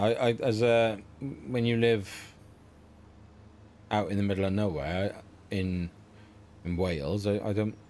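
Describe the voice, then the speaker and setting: Middle-aged streamer, low but bouncy delivery, chatty and rambling, quick to laugh. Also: male voice, slight background noise. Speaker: livestream host. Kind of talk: casual livestream chat.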